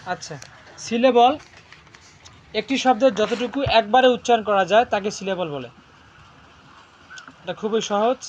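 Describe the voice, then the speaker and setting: A man's voice: sits high, unhurried, pauses often, slight background noise. A male teacher, leading a classroom lesson and constantly quizzing his students and asking if they follow. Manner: quizzes students constantly, ending lines with "right?". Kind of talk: classroom lesson with call-and-response drilling. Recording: dull lo-fi classroom recording.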